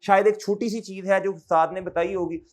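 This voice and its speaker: A man's voice: high voice, fairly even intonation, a little fast, darkish tone. A male accounting lecturer with a Pakistani Urdu accent, talking to his class in a fatherly, scolding way and firing questions back at the students for a chorus answer.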